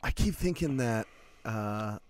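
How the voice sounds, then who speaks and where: A man's voice: lowish voice, lively intonation, slow pace, darkish tone, smooth. Wisecracking man on a podcast mic. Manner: teasing, sarcastic banter. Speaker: podcast co-host. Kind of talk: casual chat.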